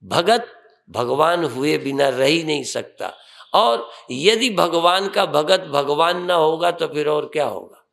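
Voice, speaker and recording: An older swami guides listeners through meditation in an unhurried, calm voice. His delivery is slow, and a gravelly fry runs through his tone. He lifts certain phrases for emphasis. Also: fairly high pitch.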